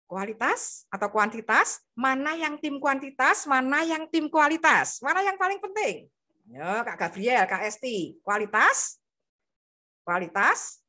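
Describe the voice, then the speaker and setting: A woman psychologist with a Javanese accent gives an interactive online seminar talk over a video call. She quizzes her listeners by name in a lively way. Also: medium pitch. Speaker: psychologist guest speaker.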